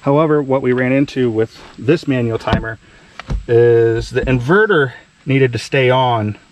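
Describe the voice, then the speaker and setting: A man's voice: mid-range voice, a little slow, highs cut off, a little hiss or hum. Man explaining a DIY solar setup. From Ohio. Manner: plain conversational, thinks aloud with fillers. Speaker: DIY outdoors channel host. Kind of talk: casual how-to explanation. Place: outdoors in a wooded yard.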